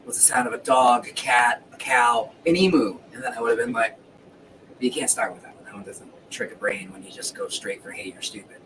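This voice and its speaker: A man's voice: medium pitch, fairly quick, far from the mic. A man hosting a casual livestream in a rambling, self-correcting way, with the hiccups. He sits a bit back from the mic. Faint noise hums underneath. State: has the hiccups. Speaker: livestream host.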